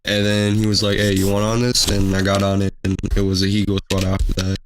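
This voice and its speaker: Young man cracking crude deadpan jokes. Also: fairly low pitch, fairly quick, slight background noise. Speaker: podcast co-host, musician. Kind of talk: casual group chat.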